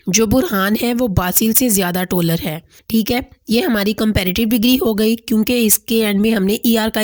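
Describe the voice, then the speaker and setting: A woman's voice: medium pitch, darkish tone. A woman teaching English grammar in a voice-over lesson, explaining step by step and repeating each point, with English terms mixed into her sentences.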